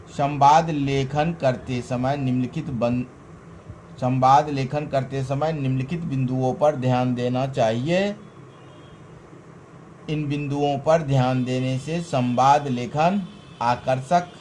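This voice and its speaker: A male teacher giving a lesson in a slow, deliberate way, pausing between phrases and stressing key words. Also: mid-range voice, a little mellow, slight background noise. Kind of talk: classroom lesson.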